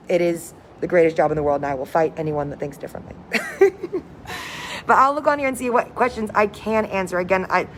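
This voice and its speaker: An upbeat, enthusiastic woman cruise director giving a casual livestream update to viewers. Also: lowish voice. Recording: noticeable background noise, windy ambience.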